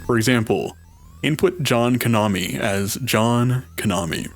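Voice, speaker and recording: A man playing a retro adventure game with friends, reading the on-screen text aloud in a plain, even voice. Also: mid-range voice, a little slow, vocal fry, soft background music. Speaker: let's play player.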